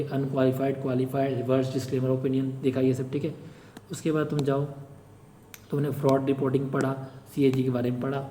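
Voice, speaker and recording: A man's voice: medium pitch, mellow, slight background noise. A man tutoring for a government exam, explaining step by step with frequent checks and everyday examples. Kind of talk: informal screen-share lecture. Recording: echoey room with long reverb.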